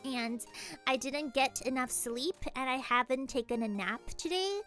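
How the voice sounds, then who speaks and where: A young woman streamer chatting casually from her room, sleepy, talking fast and rambling with frequent laughter. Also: high voice, expressive, a bit bright, faint music behind. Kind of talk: casual chat.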